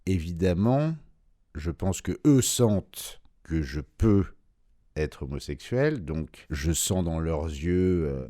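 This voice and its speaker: A man in his forties giving a personal testimony, hesitant and reflective, pausing often with fillers. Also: low-pitched, mellow, no room sound, clean studio sound. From France. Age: 40s. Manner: hesitant, many pauses and fillers; reflective, measured. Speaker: interviewee.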